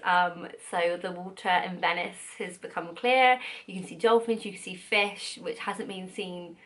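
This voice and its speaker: A woman's voice: on the low side, steady tone, unhurried, fairly bright tone. A young British woman in her twenties chatting casually to camera as a vlogger, swearing freely and laughing at her own slips.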